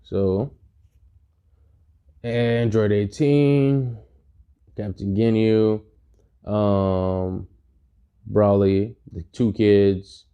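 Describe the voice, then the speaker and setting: Young male storyteller, mellow, rambling and casual. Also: lowish voice, fairly even intonation, extremely slow, pauses often, smooth. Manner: rambling, profane, laid-back. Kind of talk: casual improvised fan storytelling.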